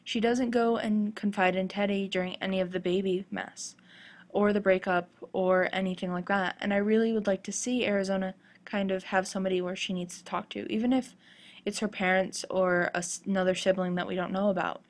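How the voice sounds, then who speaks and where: A woman hosting a podcast with measured, explanatory commentary, her voice a little gravelly and husky from a sore throat. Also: medium pitch, flat delivery. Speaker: podcast host. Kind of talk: scripted-sounding TV fan commentary podcast.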